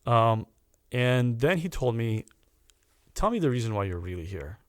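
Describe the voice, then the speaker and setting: A man, a guest on a podcast, telling a personal story in a casual, animated way, often stopping to restart a phrase. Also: medium pitch, normal speed, no room sound, studio quality. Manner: animated anecdote teller with restarts.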